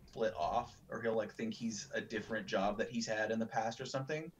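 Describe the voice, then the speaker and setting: A man's voice: lowish voice, steady tone, brisk. A man giving casual, rambling commentary over a video game, full of fillers and the odd swear. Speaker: let's play commentator. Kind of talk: casual gameplay chat.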